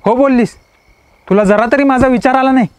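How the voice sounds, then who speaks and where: A man's voice: very high-pitched, brisk, smooth, no room sound. An actor playing Akash, a tense young man who snaps insults at his partner. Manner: hot-tempered, insulting, then softening.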